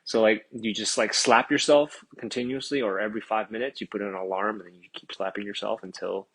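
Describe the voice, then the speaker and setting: A man's voice: fairly low pitch, fairly even intonation, brisk, a bit bright, slight background noise, low-quality recording. A man, an actor, chatting casually and rambling on a phone livestream while promoting his film. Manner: rambling, self-aware filler talk; upbeat and chatty with guest.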